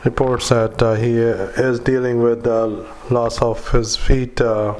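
A man dictating clinical notes as a doctor, in a halting, hesitant, matter-of-fact way with frequent pauses. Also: mid-range voice, flat delivery, darkish tone. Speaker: doctor dictating a psychiatric evaluation. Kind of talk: medical dictation with spoken formatting cues.

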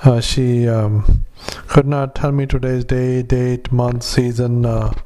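Man dictating into a dictaphone, monotone. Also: mid-range voice. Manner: halting, many pauses and fillers, reads out punctuation. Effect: dictaphone recording. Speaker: physician dictating a patient note. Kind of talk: medical dictation into a recorder.

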